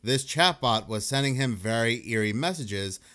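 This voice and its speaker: A man at an average pitch doing casual online commentary. He reads news excerpts and message logs aloud in a loose, conversational way, leaning on fillers. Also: expressive, normal speed, fairly bright tone. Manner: conversational, uses fillers like basically. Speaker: YouTube commentator.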